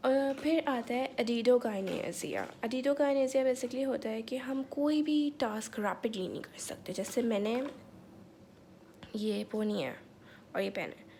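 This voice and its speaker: Gravelly-voiced woman teaching a lecture. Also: a little high, slow, warm tone, slight background noise. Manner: chatty, mixes English terms, repeats "theek hai". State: sore throat. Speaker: medical lecturer. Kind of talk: casual online lecture.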